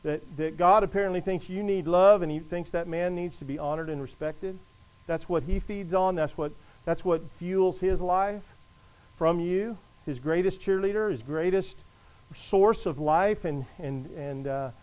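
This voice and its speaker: A man preaching a sermon to his congregation, emphatic, with conversational asides, slowing down to stress the verses he quotes. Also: sits high, darkish tone, low-quality recording. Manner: emphatic, rises and drops in volume, slows to stress scripture.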